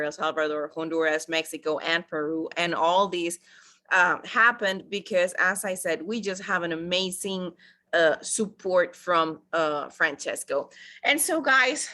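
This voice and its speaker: Lady pitching to "guys", lots of ums, bright tense voice. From Costa Rica. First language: Spanish. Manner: upbeat, addresses listeners as guys, many fillers. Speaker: project promoter. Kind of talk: enthusiastic presentation.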